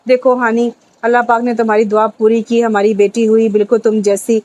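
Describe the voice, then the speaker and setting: Female narrator voices a gentle dying wife; soft, level pleading. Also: a little high, little pitch movement, highs cut off, natural voice.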